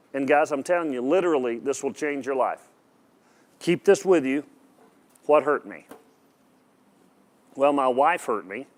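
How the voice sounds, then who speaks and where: A male pastor delivers a sermon with emphatic, direct energy, pausing to ask his audience questions. His pitch sits in the ordinary middle range for a man, and he tends to repeat words as he drives his points home.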